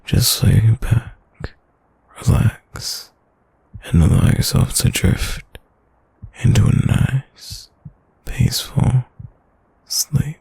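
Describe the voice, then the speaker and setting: Man acting as a slow, gravelly, breathy boyfriend, whispered role-play. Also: mid-range voice, dark tone, dry recording, full character voice. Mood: soothing, sleepy. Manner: slow, soothing, intimate murmur. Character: tender, protective, gently dominant boyfriend soothing his partner.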